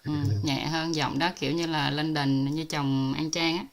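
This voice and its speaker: A woman's voice: low voice, steady tone, normal speed, a little hiss or hum. A woman from Vietnam hosting a casual video call chat, talking freely and laughing often. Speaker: host.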